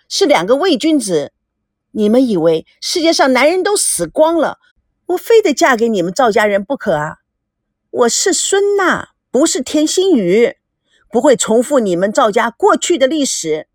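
A proud, quick-tempered young woman, put on by a female reader, scolds in a shrill, angry voice that jumps high and dips hard. The sound is dry and close, with no room around it. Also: no echo.

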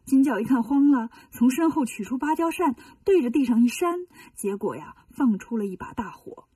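A woman narrating a children's story in a lively, folksy way. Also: high-pitched, normal speed, slightly rough, dry recording, far from the mic.

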